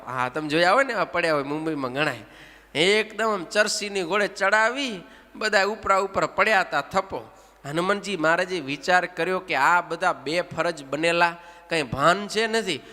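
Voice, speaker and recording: A man's voice: high-pitched, moderate pace, in a large hall. A man animatedly reciting a devotional story, asking his listeners questions and leading the chanting. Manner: animated, asks the audience questions, leads chanting. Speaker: religious storyteller.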